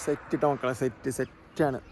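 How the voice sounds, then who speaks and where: A man's voice: mid-range voice, flat delivery, fairly quick. A man with a Malabar Kerala accent chatting as a vlog host, mixing English slang into Malayalam and repeating catchwords. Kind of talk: casual travel vlog chat. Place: in a car and outdoors by the roadside. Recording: loud outdoor and car noise.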